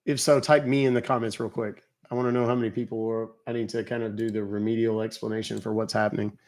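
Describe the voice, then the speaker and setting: A man's voice: on the low side, flat delivery, fast, a little mellow. Brief: casual male streamer, talks straight to chat, loose and rambling. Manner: chatty, thanks viewers, rambling asides. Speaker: scam-baiting livestream host.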